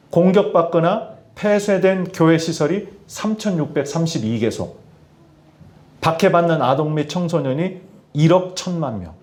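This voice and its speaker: A middle-aged male pastor preaching a sermon to his congregation, often asking them questions. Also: a little high. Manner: addresses congregation with questions, lively emphasis. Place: church in Tianjin, China.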